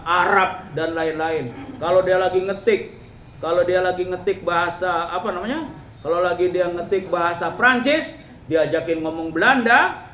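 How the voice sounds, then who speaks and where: A middle-aged man gives a lively, humorous sermon, teasing and questioning his listeners as he goes. His voice sits somewhat high for a man. The hall rings with echo, and a faint hum of ambience sits underneath. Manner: lively, joking, addresses the audience as ladies and gentlemen. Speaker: preacher. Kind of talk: humorous religious talk. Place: mosque hall.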